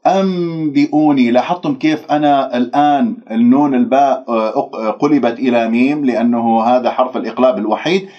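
A male recitation teacher who corrects pronunciation, drawing out single syllables slowly and then explaining the rules briskly. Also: mid-range voice. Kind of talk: pronunciation lesson. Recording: dull lo-fi recording.

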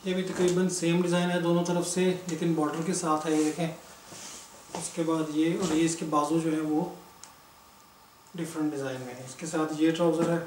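A man, a clothing seller briskly listing items in a sales walkthrough. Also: fairly high pitch, flat delivery, darkish tone. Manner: brisk, matter-of-fact listing. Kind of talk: product walkthrough sales pitch. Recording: echoey room, distant mic, background noise.

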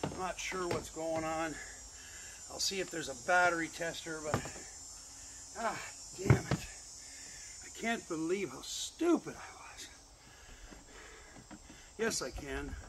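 A middle-aged Canadian man vlogs solo at an outdoor campsite, self-mockingly muttering and swearing at himself as he works on gear. His voice is on the high side, slow, and full of pauses, recorded as noisy outdoor camera audio.

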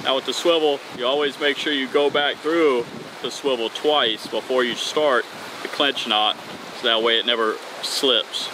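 A fishing channel host in his thirties, speaking at a normal speed in a medium-pitched, steady voice, runs an outdoor tutorial from a bridge over open water. He's upbeat and casual, chatting while he ties knots. Wind and waves come through in the recording.

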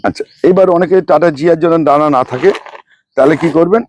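A middle-aged man who hosts a rooftop gardening channel demonstrates a fertilizer mix hands-on, naming and repeating each ingredient and its amount. He speaks quickly in a slightly high voice with a darkish tone.

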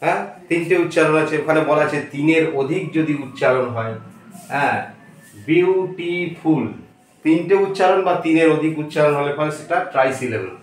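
A man teaching English grammar in a slow lesson, repeating words and spelling them out letter by letter. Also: fairly high pitch, slight background noise. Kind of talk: slow classroom-style lesson. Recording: very echoey room, distant mic.

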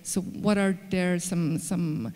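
A woman moderates on stage with a handheld mic, her delivery level and even. She builds her questions carefully, pausing to find words. The sound rings with long reverb from a big formal hall. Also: fairly low pitch. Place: large formal hall indoors.

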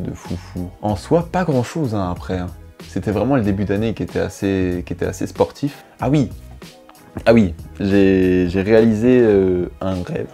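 In a dim bedroom studio indoors, a young male YouTuber with a fairly low pitch and a dark tone talks to camera about his year. Wearing a lapel mic, he delivers a casual, improvised monologue that is slangy, rambling and self-mocking.

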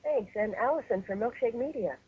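A woman hosts a webinar over a muffled phone line, her voice slightly husky. She speaks in a measured way and often pauses on fillers and restarts. The audio is dull and narrow. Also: a little high, expressive, no echo. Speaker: webinar host and facilitator. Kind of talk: hosting a webinar conference call.

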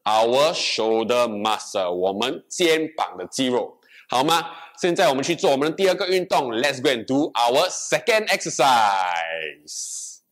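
A man's voice: mid-range voice, sing-song, unhurried, fairly bright tone. A young man leading a fitness class in a gym room, alternating English and Mandarin as he demonstrates and counts repetitions. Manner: switches between English and Mandarin line by line, counting reps. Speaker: fitness instructor. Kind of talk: bilingual exercise class instruction. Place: bright indoor gym room with treadmill.

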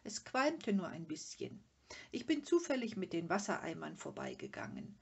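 A woman voicing a gentle, calm troll mother in a storybook reading, speaking in a soothing, placating way. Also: lowish voice, moderate pace, vocal fry, breathy edge, full character voice.

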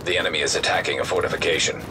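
A man voicing a male AI announcer in a combat game, with a robotic synthetic filter and flat, clipped status callouts. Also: very deep voice, very fast. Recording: game audio with loud background noise.

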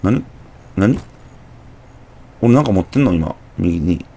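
Gravelly Kansai man narrating a horror game. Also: low-pitched, lively intonation, slow pace, dark tone. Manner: chatty, muttering to himself, jumpy exclamations. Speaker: gameplay commentator. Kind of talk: horror game let's play commentary.

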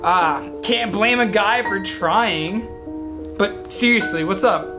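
A man's voice: high voice, takes it slowly. A man reading a wisecracking teenage guy friend. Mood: joking. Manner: teasing, wisecracking delivery. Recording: music playing loudly behind.

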